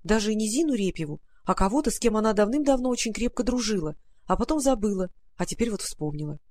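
A woman narrating a children's storybook in a calm, measured reading voice. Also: mid-range voice. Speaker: audiobook narrator.

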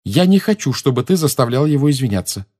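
A man voicing a sharp-tongued teenage girl who speaks with cutting contempt in an audiobook reading. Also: fairly high pitch, big pitch swings, normal speed, voice pushed up. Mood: angry.

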